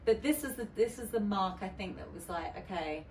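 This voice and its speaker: On a casual podcast, a British DJ guest speaks fairly quickly with a medium-pitched, darkish voice and lively intonation. Her talk is frank and chatty with plenty of fillers and restarts, recorded roomily on a faraway mic with faint background noise.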